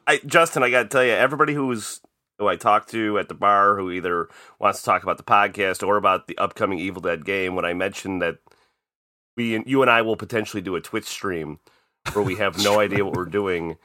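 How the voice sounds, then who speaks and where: A man's voice: fairly low pitch, brisk, sharp tone, no room sound, clean studio sound. A man in casual podcast chat, talking with enthusiasm.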